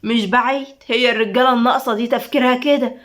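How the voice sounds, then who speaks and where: A woman's voice: on the high side, steady tone, rapid-fire, close to an everyday voice. A woman reading the part of a blunt, protective middle-aged Egyptian mother in a spoken story, with an Egyptian accent. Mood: motherly. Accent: Egyptian Arabic.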